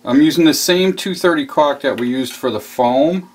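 A model railroad hobbyist in his hobby room talks casually through a step-by-step how-to while working on his train layout. His voice is a little high and his pace moderate, and he repeats himself as he explains.

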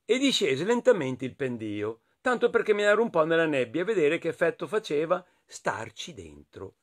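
Italian guy reading a kids picture book, playful, high voice that jumps all over. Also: brisk. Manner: expressive, playful, talks to listeners. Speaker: storyteller.

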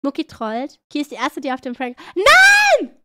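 A woman streamer reacting live to clips, excitable and playful, often shrieking, laughing and repeating words. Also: high-pitched, brisk, heavy background noise.

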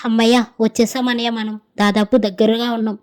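A woman's voice: fairly high pitch, flat delivery, brisk, darkish tone, close to an everyday voice. Breezy young village guy, shrugs off the ghost talk, woman reading him in a storybook tale. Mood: reassuring. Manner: breezy, dismissive of fears. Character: easygoing young village man, younger brother.

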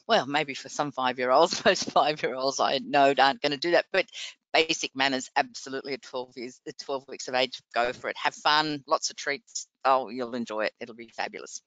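A woman's voice: sits low, fairly bright tone, dry recording. A woman veterinarian answering webinar questions in a chatty, encouraging, practical way over a video call. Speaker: veterinarian presenter. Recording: dull lo-fi web call audio.

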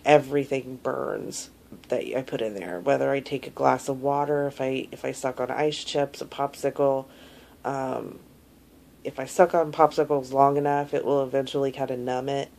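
A woman in her thirties with a gravelly, sore-throated voice, giving a casual, low-energy video diary update while lying down. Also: darkish tone, slight background noise. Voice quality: gravelly, creaky. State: sore throat while recovering from tonsil surgery. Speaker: vlogger giving a surgery recovery update. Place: small indoor room, lying in bed. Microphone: phone held at arm's length.

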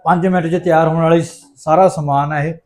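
A man's voice: a little high, fairly even intonation, a little fast, darkish tone. A man with a Punjabi accent hosting a casual home food vlog, exclamatory and fond of repeating catchphrases to his viewers. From Punjab, India. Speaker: vlog host.

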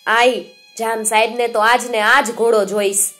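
A woman's voice: on the high side, flat delivery, measured pace, fairly bright tone, faint music behind. Woman voicing a deferential, nervous male messenger. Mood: respectful.

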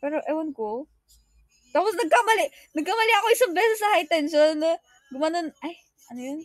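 Young woman, very high voice, dry close sound, giggly, emotional, livestream chat with fans. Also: lively intonation, brisk, no room sound. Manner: giggly and emotional, mixes English into her talk. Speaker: idol performer chatting with fans on a livestream. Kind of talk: casual livestream chat reading fan comments.

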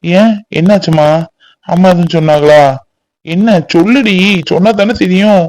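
A man's voice: high voice, normal speed, a little mellow, no echo, natural voice, poor audio. A man voicing a caring young husband in a cartoon, soothing and concerned. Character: caring young village husband, gently coaxing. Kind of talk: cartoon voice acting.

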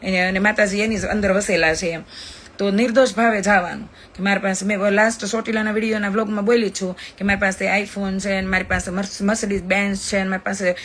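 Woman, 30s, Kathiyawadi Gujarati accent, rapid chatty storytelling, faint ambience behind. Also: mid-range voice, fairly even intonation, fairly bright tone, slight background noise. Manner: chatty, fast-talking, emphatic. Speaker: social media influencer. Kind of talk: live video storytelling.

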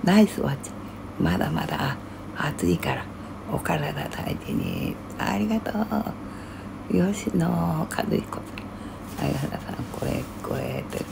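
An older woman chatting casually on a livestream. She reads viewer comments in half-whispers and grumbles loudly in between. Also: deep voice, wildly swooping pitch, measured pace, creaky, noisy background.

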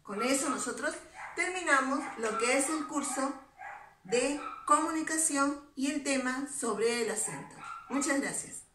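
Woman teacher, high voice, unhurried, patient delivery for a children's class, recorded from afar in a noisy space. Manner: slow, patient, drawing out stressed syllables. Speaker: primary school teacher. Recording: roomy distant recording with steady background noise.

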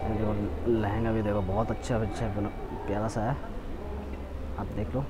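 A man's voice: fairly low pitch, little pitch movement, moderate pace. A young man chatting casually as he films a walking tour of a shopping mall on his phone, pointing things out to viewers. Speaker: vlogger. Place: indoor shopping mall, open galleries. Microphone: phone camera held while walking. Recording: noisy phone audio with street and mall ambience.

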